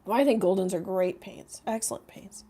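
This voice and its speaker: A middle-aged woman teaching painting in a casual live studio chat, hoarse with a frog in her throat, often clearing her throat and apologizing. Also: mid-range voice, brisk, dark tone. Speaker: painting instructor. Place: home art studio.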